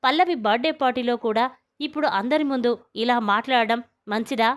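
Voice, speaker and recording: A woman's voice: on the high side, a little fast, slight background noise, lightly acted. A woman voicing a stern young man who scolds others as the protective elder brother. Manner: firm, scolding.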